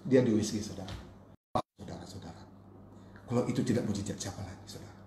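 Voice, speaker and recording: A middle-aged man from Indonesia preaches to his congregation, telling his own story at a fast clip. He drops to quiet narration, then climbs into loud, high-pitched preaching, and keeps calling his listeners brothers and sisters. The church room is roomy and echoey, with a faint hiss of noise behind him. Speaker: pastor. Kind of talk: sermon with personal testimony.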